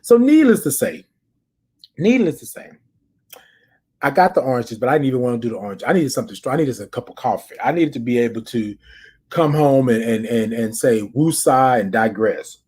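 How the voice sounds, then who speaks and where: This American podcast host has a mid-range voice that's animated and brisk, a little mellow with a breathy edge. Speaking straight to his audience, he keeps things casual with a chatty check-in and stories, leaning on repeated phrases to drive points home.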